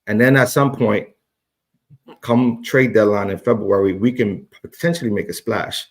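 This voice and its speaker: A man's voice: lowish voice, fairly even intonation, moderate pace. A man with a Brooklyn accent, in a casual sports debate.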